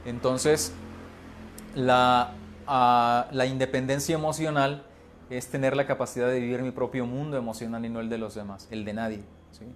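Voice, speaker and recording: Man, mid-pitched, emphatic informal talk, lots of rhetorical questions. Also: slight background noise. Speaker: speaker on emotional health.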